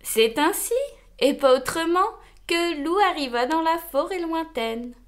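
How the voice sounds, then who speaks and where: A woman reading a children's storybook aloud, slow, expressive and gentle. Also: very high voice.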